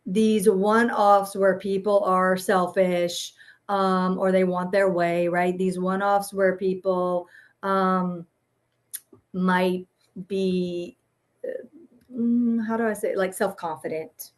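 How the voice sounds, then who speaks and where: A woman's voice: medium pitch, little pitch movement, slow pace. Woman therapist explaining with searching fillers. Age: adult parent. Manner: loose and searching, many "um" and "right?". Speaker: guest therapist. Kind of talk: casual explanatory chat.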